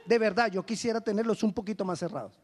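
A male pastor preaching a lively sermon, acting out little dialogues with humor. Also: high voice, fast, some chatter behind.

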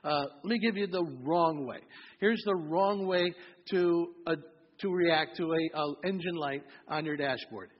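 Male pastor, sermon, slightly high husky voice, conversational preaching, dull sound in a church hall with long echo. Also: unhurried. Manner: conversational preaching with acted-out examples. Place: church auditorium.

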